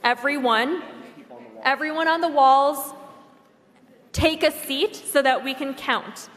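A woman's voice: high voice, fairly bright tone. Woman chairing a meeting in an echoey hall. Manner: brisk, directive, quick to answer. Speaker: convention chair. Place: large hotel convention hall. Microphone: podium microphone.

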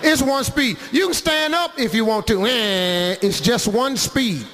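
A middle-aged man doing stand-up comedy, telling a story in an animated, loud, rambling way. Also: very high-pitched, slow, big-room sound. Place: comedy club stage.

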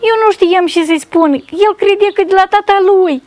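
A woman's voice: very high-pitched, darkish tone. A woman giving an emotional testimony as a mother seeking help, repeating herself in a pleading way. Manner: repetitive, pleading.

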